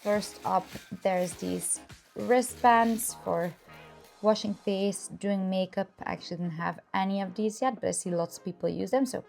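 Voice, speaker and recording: A woman with a medium-pitched voice talks casually to her vlog audience. She sounds upbeat and enthusiastic as she narrates in an easy, chatty way. Faint music plays behind her. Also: measured pace, vocal fry, darkish tone. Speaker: lifestyle vlogger.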